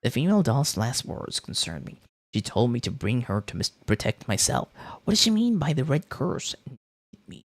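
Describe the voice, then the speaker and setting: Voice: mid-range voice, sing-song, normal speed, no echo. A game streamer reading on-screen text aloud theatrically, with casual muttered asides. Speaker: VTuber streamer.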